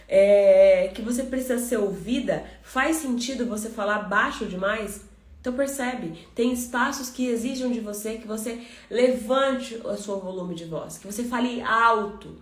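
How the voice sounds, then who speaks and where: A Brazilian woman coaching on communication, talking fast and directly to the listener as a friend. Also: on the high side, roomy sound. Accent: Brazilian Portuguese. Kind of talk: motivational podcast talk.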